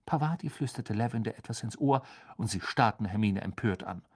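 A man reading an audiobook with expressive, dramatic storytelling. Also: on the low side, fairly quick, husky. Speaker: narrator.

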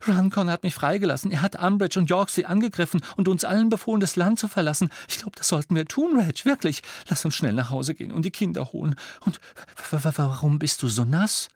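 A man's voice: high-pitched, darkish tone, no echo, pitched above the performer's own voice. A man doing a frantic middle-aged witch. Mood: anxious. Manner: breathless, rushed pleading. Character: frightened middle-aged witch, anxious wife.

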